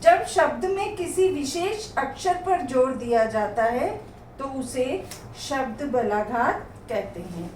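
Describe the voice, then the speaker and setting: A woman teacher giving a Hindi grammar lesson, explaining slowly and saying each example word twice for pronunciation, recorded in an echoey room from a distance. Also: sits high, a little hiss or hum. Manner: slow, explanatory, repeats words twice for pronunciation.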